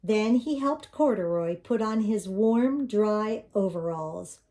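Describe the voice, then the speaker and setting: A woman's voice: medium pitch, animated, slow pace, dark tone. An older woman reading a children's picture book aloud in a sweet, grandmotherly storytelling manner.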